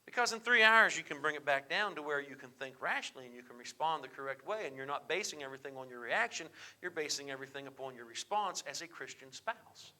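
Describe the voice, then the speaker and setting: Bright, high-voiced male preacher. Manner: animated, acts out quoted dialogue, swings from loud to hushed. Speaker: pastor teaching a marriage class. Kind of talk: church teaching talk.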